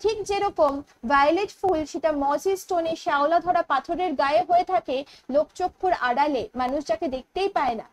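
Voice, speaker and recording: A woman with a Bengali accent teaching an English poetry lesson online, explaining in Bengali mixed with English terms and reading the poem's lines slowly. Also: high-pitched, slight background noise, low-quality recording. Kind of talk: online exam-prep lecture.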